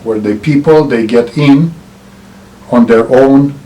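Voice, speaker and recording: A middle-aged man from Romania with a Romanian accent, giving earnest political commentary to camera and pausing often with "uh" and "um". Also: medium pitch, mellow, poor audio. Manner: earnest, with frequent "uh" and "um" pauses. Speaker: channel host.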